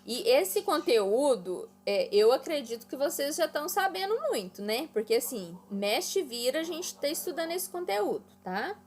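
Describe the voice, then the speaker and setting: A woman's voice: sits high, sing-song, normal speed, hardly any pauses, darkish tone, faint music behind. A woman teaching an online class to children, walking them through exercises patiently and checking in often. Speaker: primary school teacher.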